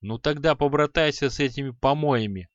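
A man's voice: mid-range voice, a little fast, no room sound, voice pushed up, lightly acted. A man voicing a proud, irritable young apprentice who grumbles and snaps curtly in an audiobook. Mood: grumpy. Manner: grumbling, curt. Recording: slightly dull audio.

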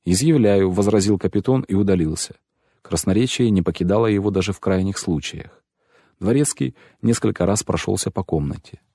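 A man narrating a literary story as an audiobook reader, measured and even. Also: deep voice, gravelly, husky, no room sound, clean studio sound.

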